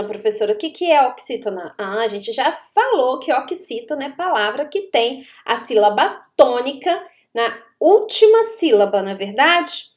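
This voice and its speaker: High-voiced woman teaching grammar. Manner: explains step by step with rhetorical questions and tag checks. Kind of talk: explanatory online lesson.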